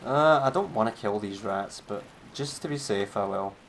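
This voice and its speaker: A man's voice: on the low side, normal speed, fairly bright tone, a little hiss or hum. A man streaming a game, giving laid-back, chatty commentary with a wry edge. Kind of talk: casual gameplay commentary.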